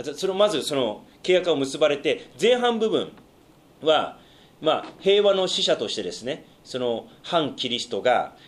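A pastor teaching a Bible study, explaining step by step with hesitant fillers and questions put to his listeners. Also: mid-range voice.

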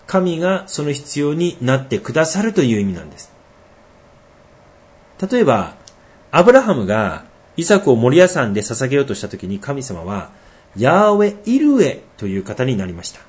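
Middle-aged guy preaching, reads scripture slow then talks it through, voice jumps around a lot. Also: medium pitch, darkish tone. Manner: reads verses slowly, then explains in a conversational tone. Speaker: pastor. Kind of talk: sermon.

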